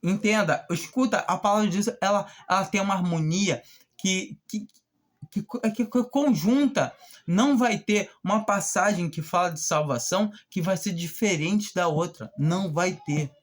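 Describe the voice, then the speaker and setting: A preacher giving an informal gospel sermon, repeating words for stress and reading Bible verses aloud slowly. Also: mid-range voice. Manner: slow, emphatic, repeats words and phrases for stress; reads scripture aloud more slowly and a bit louder.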